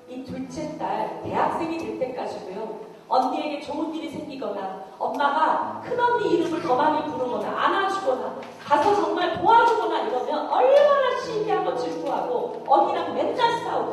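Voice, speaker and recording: A woman missionary telling a story in a sermon, animated and putting questions to the audience. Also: very high voice. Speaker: missionary preacher. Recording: echoey hall, distant mic, faint music.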